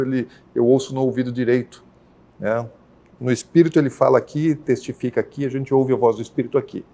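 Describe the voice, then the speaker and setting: A man, a senior pastor from Brazil, telling his faith testimony as a podcast guest, earnest and unhurried, often checking in with his listener. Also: mid-range voice, darkish tone. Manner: earnest, unhurried, with frequent tag questions.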